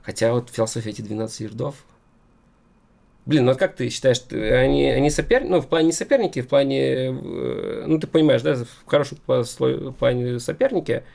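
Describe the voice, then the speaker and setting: A man's voice: mid-range voice, a little fast, creaky, darkish tone. A man interviewing someone in a casual chat, rambling a little and rephrasing his questions as he goes.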